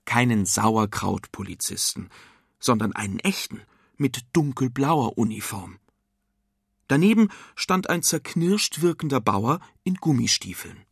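A man reading a children's radio story aloud in a lively storytelling manner. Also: medium pitch, measured pace, gravelly, slightly rough, dry recording, clean studio sound. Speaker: narrator.

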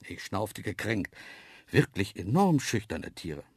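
A narrator reading a children's story aloud in a lively, wry, self-mocking way. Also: low-pitched, slow, breathy edge, dry recording, studio quality. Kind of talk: audiobook storytelling.

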